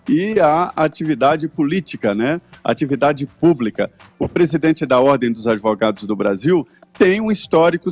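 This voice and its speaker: Brazilian political correspondent, slightly high voice, steady explainer, faint music underneath. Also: male voice. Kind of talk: live news report.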